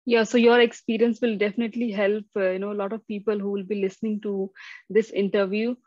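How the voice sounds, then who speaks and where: A woman hosts an interview on her own channel. She talks in a chatty way, full of fillers. Her voice has a middle pitch and comes over a dry, slightly muffled call line. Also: level tone, fast, a little mellow, dry recording. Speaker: host.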